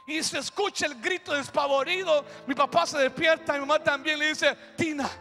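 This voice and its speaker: Male pastor, animated sermon storyteller; long church-hall echo with faint music underneath. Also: very high-pitched, creaky. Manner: animated preaching with shouted bursts and sound effects.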